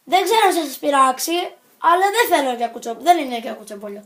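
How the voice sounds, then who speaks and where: High-pitched woman rambling in a vlog. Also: lively intonation, fairly bright tone. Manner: scattered, jumps between topics and self-corrects; playful and silly. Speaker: vlogger.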